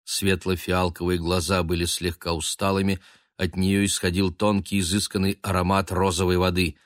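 Low-voiced male audiobook narrator. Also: moderate pace, no room sound, clean studio sound. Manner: steady literary narration.

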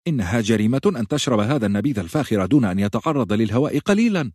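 This is a man voicing a sly wine merchant from a fantasy audiobook, all oily charm and ingratiating patter. He pushes his voice noticeably higher than the narrator's own and keeps a slightly husky edge. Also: animated, racing, darkish tone, no echo, clean studio sound. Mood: fawning. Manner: ingratiating, overly friendly salesman patter. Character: wheedling male wine merchant, nervous and fawning.

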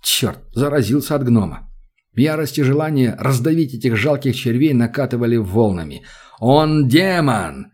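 A male audiobook narrator with a husky voice. He tells the story in a wry, expressive way that leans into the humor. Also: medium pitch, normal speed. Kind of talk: scripted narration.

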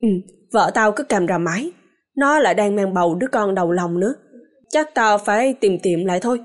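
A woman reads out a quick-tempered young husband who speaks bluntly and roughly. Her pitch stays in an ordinary middle range and she keeps close to her own voice. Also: animated, close to an everyday voice. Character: young working-class husband, hot-tempered.

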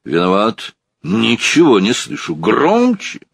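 A man voicing a fussy, pompous stage director who lectures loudly. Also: huge pitch swings, a little slow, husky, heavily acted. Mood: impatient. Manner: shrill, lecturing, theatrical.

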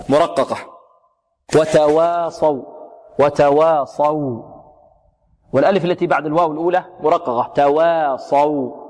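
A man teaching the rules of Quran recitation, asking questions and answering them himself, with slow, drawn-out recited examples. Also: fairly high pitch, in a large hall. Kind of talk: tajwid lesson with recited examples. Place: radio broadcast studio.

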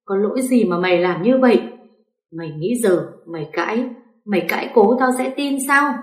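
A woman's voice: mid-range voice, expressive, normal speed, echoey room, lightly acted. A woman voicing a furious young wife who hurls insults in a raised voice. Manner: shouting insults.

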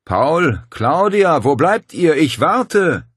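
A man voicing a tall, bearded mountain hermit who calls out in a hollow, booming voice and teases with glee. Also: sing-song, slow, fairly bright tone, husky, dry recording, studio quality, full character voice. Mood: eerie calling. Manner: booming, teasing, delighted with his own trick.

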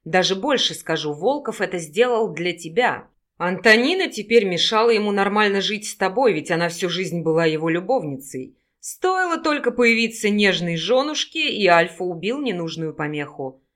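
Female narrator voicing a menacing male werewolf detective, scornful and loud. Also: mid-range voice, animated, normal speed, close to an everyday voice. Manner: contemptuous, raises voice to shout.

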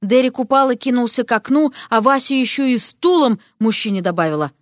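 A woman reading a fantasy story aloud with lively, expressive narration. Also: on the high side, fairly quick, no echo, studio quality. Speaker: audiobook narrator.

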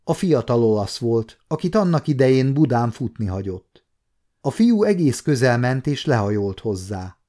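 A man in his fifties narrates an audiobook with a dark, mellow tone. His reading is calm and measured, with steady, even storytelling. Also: mid-range voice. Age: 50s. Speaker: audiobook reader.

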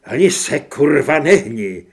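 Casting: male reader as a furious armed hunter, loud and threatening. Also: mid-range voice, creaky, natural voice.

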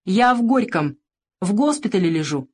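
A woman's voice: mid-range voice, very animated, normal speed, darkish tone. Young male soldier, hospital patient, weak, friendly, audiobook character, voiced by a woman.

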